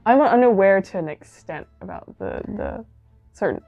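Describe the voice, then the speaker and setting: A young woman co-hosting a podcast, laid-back and quick with jokey reactions. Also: medium pitch, lively intonation, dark tone, lo-fi sound, soft background music. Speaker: podcast co-host. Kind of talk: casual podcast chat. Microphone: studio mic.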